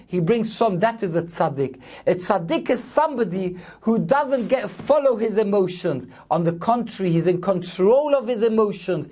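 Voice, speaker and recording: A rabbi giving a Torah sermon in an earnest, measured way, often correcting himself mid-phrase. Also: male voice, sits high, darkish tone.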